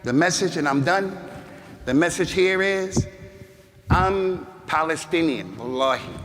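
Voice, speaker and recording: Brief: American male imam, Friday sermon, slightly high voice, long hall reverb. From United States. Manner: emphatic, repeats words, rises to shouts. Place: mosque hall.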